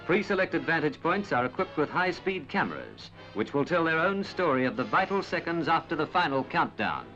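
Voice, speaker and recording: A man narrates a 1960s documentary with formal, dramatic weight. His voice is a little high and moves in animated swings. The old film soundtrack is dull and band-limited, with some music. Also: brisk.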